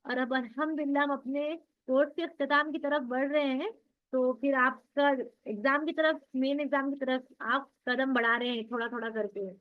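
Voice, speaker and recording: Speaking at a moderate pace in a steady, high-pitched voice, a woman leads an online class on Quran recitation rules. She is patient, asks questions and supplies the answers herself, and the recording sounds dull and lo-fi.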